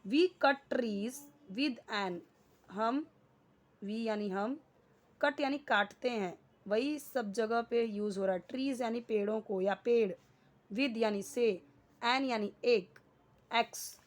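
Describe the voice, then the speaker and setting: A woman's voice: on the high side, takes it slowly. A woman teaching an English grammar lesson in Hindi, explaining each word and asking and answering her own questions.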